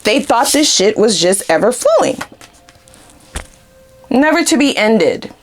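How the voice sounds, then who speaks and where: A woman's voice: on the high side, slow pace, faint music behind. A woman giving a casual tarot reading, giggling often and swearing freely as she talks to her viewers. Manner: giggly, animated, frequent swearing. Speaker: tarot reader.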